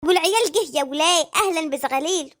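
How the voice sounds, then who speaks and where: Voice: extremely high pitch, very fast, fairly bright tone. A performer voicing a spoiled, demanding Egyptian housewife who talks in a whiny, coaxing way.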